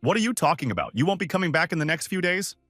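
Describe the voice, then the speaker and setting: A man voicing a calm, cheeky young male hunter with an offhand manner. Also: on the high side, very fast, no room sound, studio quality, soft background music, voice pushed up.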